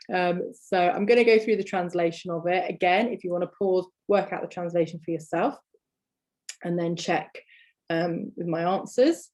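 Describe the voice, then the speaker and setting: A British woman with a fairly low voice leads an online German lesson. She explains each sound patiently and repeats the words slowly so learners can follow along. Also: a little mellow. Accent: British English. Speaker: German language teacher.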